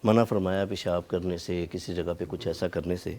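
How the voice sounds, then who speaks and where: A man's voice: low voice, fairly even intonation, dark tone. A man speaking as a religious scholar, explaining points of faith in a panel talk, with some noise behind him.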